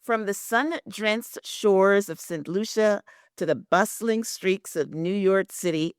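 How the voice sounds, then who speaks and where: A woman's voice: medium pitch, clear, resonant tone, dry recording, studio quality. Chatty woman from Guyana hosting a podcast. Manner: chatty, with frequent "very nice" and "um" affirmations. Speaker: podcast host. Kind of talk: podcast interview with reading of a synopsis.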